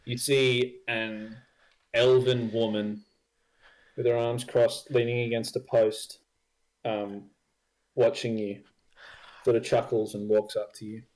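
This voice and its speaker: A man's voice: mid-range voice, level tone, slow, long pauses, darkish tone. A young man narrating as dungeon master, hesitant with many ums and likes. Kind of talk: narrating a tabletop game.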